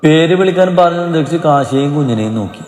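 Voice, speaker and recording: Mellow-voiced man narrating a story. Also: on the high side, lively intonation, brisk. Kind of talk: scripted narration. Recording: roomy reverb, soft music behind.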